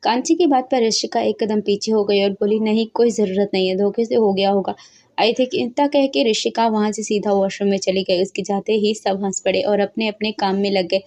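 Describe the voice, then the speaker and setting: A woman narrating a romance story aloud, acting out each character's dialogue in an expressive voice. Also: medium pitch, normal speed.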